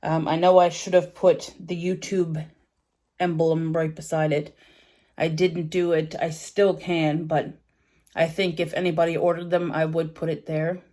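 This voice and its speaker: A woman's voice: low voice, flat delivery, a little slow, dark tone. A woman vlogger talking casually to her viewers, chatty and rambling with frequent ums. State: sleepy, yawning. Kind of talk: casual vlog chat.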